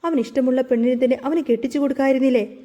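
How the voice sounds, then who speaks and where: A woman's voice: sits high, steady tone, rapid-fire, mellow, close to an everyday voice. A woman voicing an angry man who scolds his sister. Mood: scolding. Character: angry scolding older brother.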